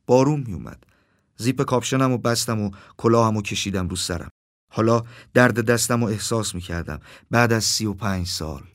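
A man reading a surreal first-person story in a calm, deadpan way. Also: medium pitch.

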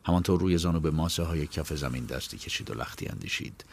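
A man narrating a story in a calm, measured audiobook reading. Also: extremely low pitch, gravelly. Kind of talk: scripted narration.

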